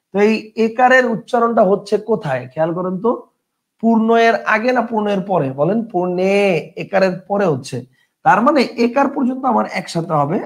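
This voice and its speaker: High, gravelly tutor. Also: male voice. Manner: explains step by step with rhetorical questions; drawls example words slowly, mixes in English words. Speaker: teacher. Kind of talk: Bengali grammar lesson.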